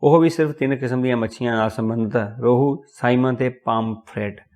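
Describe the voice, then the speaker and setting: A man narrating a story in an expressive, deliberate reading voice. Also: medium pitch. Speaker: audiobook narrator.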